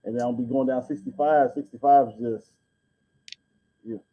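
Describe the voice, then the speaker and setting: A man's voice: mid-range voice, fairly even intonation, normal speed, breathy edge. Muffled man, as if through a wall. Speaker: livestream co-host. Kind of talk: casual chat. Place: away from home, remote. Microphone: laptop headset on a remote call. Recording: muffled remote headset audio, like through a wall.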